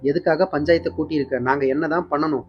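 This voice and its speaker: A man's voice: fairly high pitch, steady tone, quick pace, lo-fi sound, close to an everyday voice. Give me an authoritative village council head, played by a male narrator. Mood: stern.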